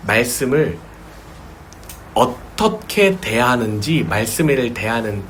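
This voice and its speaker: A man's voice: medium pitch, sing-song, slow pace, a bit bright, slight background noise. A male pastor preaching a sermon, stressing his points and repeating key words for emphasis.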